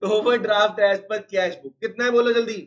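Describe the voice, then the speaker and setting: A man's voice: high voice, fairly even intonation, slow. A man teaching a live accounts class online, repeatedly calling on students to listen, teasing and scolding them as he goes. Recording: slightly dull lo-fi sound.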